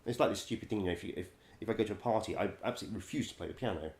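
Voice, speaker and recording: Low-voiced guy spinning wry showbiz stories, lots of ums and chuckles, echoey room. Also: rapid-fire, darkish tone. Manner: chatty, wry, laughs often, many ums. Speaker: musical director and vocal coach. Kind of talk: casual anecdote-telling.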